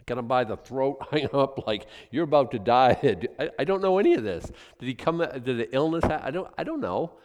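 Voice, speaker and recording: A man's voice: mid-range voice, very animated, a little fast, hardly any pauses, a little mellow. Man preaching in a reverberant hall. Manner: musing aloud, thinking through his guesses with chuckles. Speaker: pastor. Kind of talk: conversational Bible teaching.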